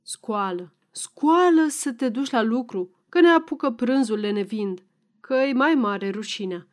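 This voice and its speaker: A woman voicing a sharp-tongued, grumpy old peasant wife in a read-aloud novel. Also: a little high, lively intonation, natural voice. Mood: scolding.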